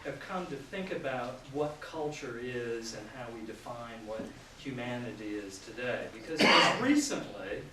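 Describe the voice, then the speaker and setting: A man in his sixties delivers an easygoing public lecture, chatty and self-deprecating, his thoughts full of fillers. His middle-pitched voice carries through a reverberant hall, picked up from some distance. The audience can be heard around him. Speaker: professor giving a public lecture. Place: large lecture room with an audience. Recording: echoey hall, mic at a distance, audience noise.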